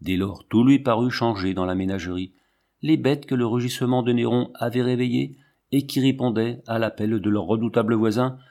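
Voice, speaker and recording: A man reading a novel aloud as narrator, with a dramatic, expressive delivery. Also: lowish voice. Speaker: audiobook narrator. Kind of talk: scripted narration.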